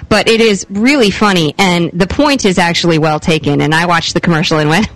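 A woman's voice: lowish voice, fairly quick, no room sound, low-quality recording. Laughing, chatty woman podcast host. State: pregnant. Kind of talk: casual chat.

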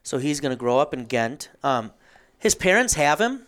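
A man's voice: mid-range voice, sing-song, normal speed, a bit bright. A man in a casual history chat, explaining things and tossing in joking asides.

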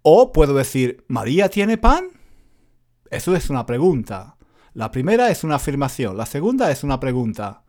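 Animated man teaching. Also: medium pitch, fairly quick. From Spain. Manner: animated, repeats phrases, self-mocking jokes. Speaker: Spanish teacher. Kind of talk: casual spoken lesson.

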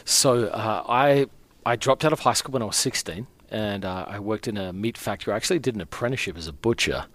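A man in his forties speaks with an Australian accent in a notably deep voice. He is a guest pastor, telling his own story in a conversational interview. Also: quick pace, fairly bright tone, no echo. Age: 40s.

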